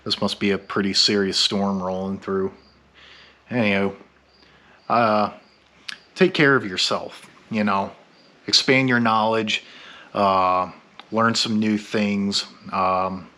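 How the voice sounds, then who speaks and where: A drunk man rambling through a blunt, profane vlog monologue, halting and meandering, stammering over his words. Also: lowish voice, steady tone, sharp tone. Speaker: YouTube vlogger.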